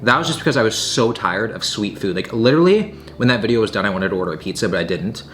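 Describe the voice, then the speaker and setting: A man's voice: fairly low pitch, animated, fast, a bit bright. A young man hosting a casual question-and-answer chat, speaking informally with lots of filler words and emphatic phrasing. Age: young adult. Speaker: video host answering viewer questions. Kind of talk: casual Q&A chat while tasting food.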